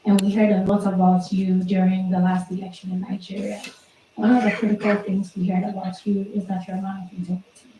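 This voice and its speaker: A young woman from Ghana with a mellow, warm voice asks her question with calm politeness. She is far from the mic in an echoey lecture hall with a faint hum. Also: mid-range voice, fairly quick. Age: young adult. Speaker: graduate student asking a question.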